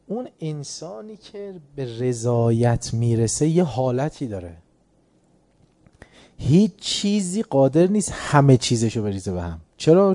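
A man's voice: medium pitch, warm tone. A man giving a religious lecture, telling an anecdote in a conversational way and chuckling at his own story.

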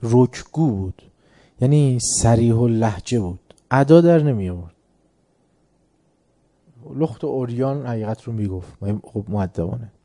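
Dark-voiced man telling a moral story. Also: medium pitch. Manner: anecdotal, conversational, chuckling at his own story. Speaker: lecturer. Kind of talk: religious lecture with storytelling.

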